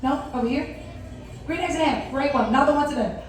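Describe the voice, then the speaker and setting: Female children's stage host, cruise director type. Very high voice, animated and interactive, picked up in a big reverberant hall. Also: fairly quick. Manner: animated, addresses children in the audience with questions and prompts. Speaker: cruise director hosting a story time. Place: indoor theatre on a cruise ship. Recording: very echoey theatre, distant mic, faint noise.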